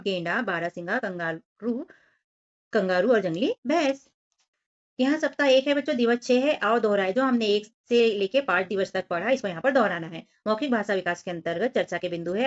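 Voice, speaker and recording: A woman teaching young children, stretching out syllables slowly and explaining everything in simple words. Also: medium pitch, lo-fi sound. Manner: slow, drawn-out syllable-by-syllable reading. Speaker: primary school teacher. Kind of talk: workbook lesson walkthrough for young children.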